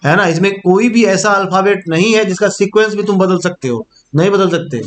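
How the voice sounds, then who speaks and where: A man's voice: sits high, fairly quick. A young man teaching a Hindi grammar lesson. He pronounces each sound aloud to demonstrate it and keeps checking whether his students follow. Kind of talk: classroom-style grammar lesson.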